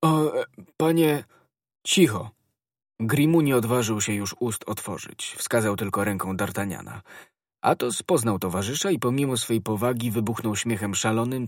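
A man narrating a classic novel as an audiobook in a measured reading. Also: lowish voice, no room sound, clean studio sound. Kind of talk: storytelling narration.

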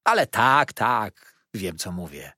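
A man's voice: lowish voice, big pitch swings, slow, pushed and bright, slightly rough, dry recording, clean studio sound, full character voice. A man voicing a whiny, self-pitying older widow who complains through tears in a plaintive, sobbing manner.

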